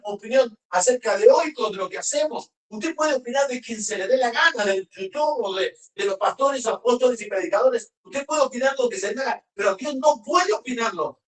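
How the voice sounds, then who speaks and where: A preacher delivering a sermon, slowing and raising the voice to read verses aloud. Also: medium pitch. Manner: emphatic, slows and raises voice when reading verses. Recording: roomy hall, voice from a distance.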